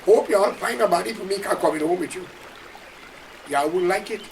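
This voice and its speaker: Guyanese guy ranting at his listeners, really high voice, sounds far off the mic w faint hiss. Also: a little fast. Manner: preachy, emphatic, addresses listeners directly. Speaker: political commentator. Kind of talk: impassioned monologue.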